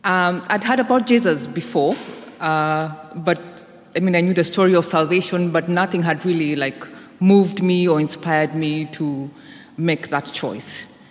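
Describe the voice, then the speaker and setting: A woman's voice: on the low side, a little slow. A woman with a Kenyan accent giving an informal personal testimony to a congregation. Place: large indoor church or hall. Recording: echoey hall with long reverb.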